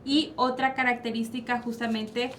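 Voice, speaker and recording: Mexican woman, psychologist guest, explains patiently, rhetorical questions, slightly high voice, faint hiss. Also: flat delivery, normal speed, fairly bright tone. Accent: Mexican Spanish. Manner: explanatory, asks and answers her own questions. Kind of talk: panel discussion. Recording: faint background noise.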